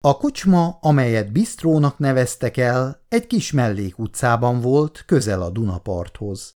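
A man narrating a story in a steady, measured way. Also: mid-range voice. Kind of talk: storybook reading.

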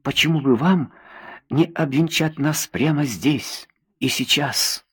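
A man voicing a charming young nobleman in an audiobook, speaking glibly and with flattery. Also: fairly high pitch, slow, slightly rough, voice pushed up, exaggerated voice. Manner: glib and flattering.

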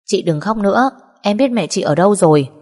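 A woman's voice: mid-range voice, a little fast, voice pushed up, natural voice. Woman doing a polite young bodyguard. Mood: reassuring. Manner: polite, calming. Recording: long hall reverb.

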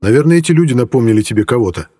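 A man voicing a calm young man who gently soothes his hot-tempered partner. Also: mid-range voice, very fast, breathy edge. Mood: soothing. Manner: gentle, placating. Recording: long reverb.

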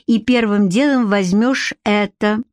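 Reading as a cynical, icy Viking warrior, a woman curtly orders a captive around with cool authority. She speaks at a measured pace in a mid-range, slightly mellow natural voice. The sound is clean studio quality without echo.

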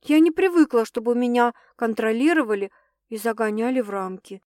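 A woman's voice: brisk, dry recording, studio quality, close to an everyday voice. A woman voicing an emotional, dramatic young woman who exclaims and protests, her voice raised above the narration. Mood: defensive. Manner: excitable, exclaiming, higher and louder than narration.

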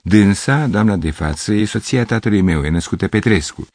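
Man reading a cool polite young guy, calm and measured, low husky voice. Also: dry recording.

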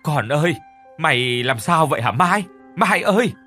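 A man voicing a middle-aged father, gruff and scolding, who is grieving his dead wife in a spoken horror story. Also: a little high, expressive, moderate pace, bright, forceful tone, faint music behind, pitched above the performer's own voice. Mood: worried.

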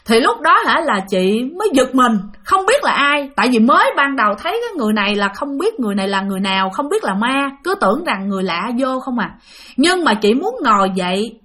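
Woman storyteller with a Southern Vietnamese accent: chatty ghost-story narration, speaks straight to the audience, voice on the high side. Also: a bit bright, husky. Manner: chatty, addresses listeners directly, repeats words for effect.

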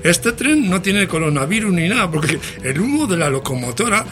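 Brisk and very animated, the high, somewhat bright voice belongs to a male radio host from Spain with a Spanish accent. He presents the show chattily and jocularly, theatrical and full of exclamations, while music plays underneath.

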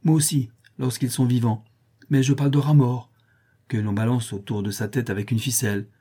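A man's voice: medium pitch, fairly even intonation, moderate pace, warm tone, husky, natural voice. A man playing a mischievous young schoolboy, speaking eagerly with a lifted, boyish voice.

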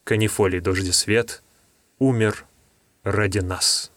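A man's voice: lowish voice, steady tone, a bit bright, dry recording. Male audiobook narrator, dry close sound. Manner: measured storytelling.

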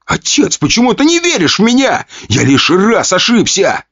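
A man voicing a spoiled young nobleman who whines, sulks and shouts back at his father. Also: mid-range voice, wildly swooping pitch, moderate pace, husky, dull audio, voice pushed up, heavily acted. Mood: shouting. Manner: whiny, defensive, shouting. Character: spoiled young male heir, whiny and resentful.

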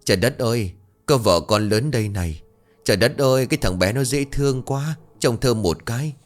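A man voicing a soft-hearted middle-aged uncle who exclaims tearfully and dotes loudly. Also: mid-range voice, lively intonation, a little fast, close to an everyday voice. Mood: doting.

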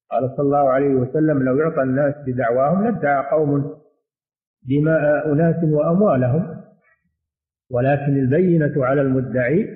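A man teaching a religious lesson and answering questions, speaking in a measured way and often repeating his phrases. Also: fairly high pitch. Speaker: sheikh teaching hadith commentary. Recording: echoey room over a tinny phone-like line.

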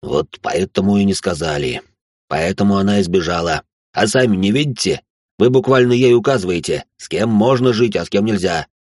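A man's voice: deep voice, brisk, dry recording, clean studio sound. A man voicing a defiant, hot-tempered father who talks back indignantly. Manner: tense, indignant, shouting back.

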